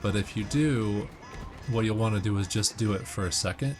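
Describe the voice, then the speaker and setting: A fairly low-pitched man speaking at a moderate pace offers instructional game commentary, laying out tips one step after another in a casual style. Behind him are game music and gunfire.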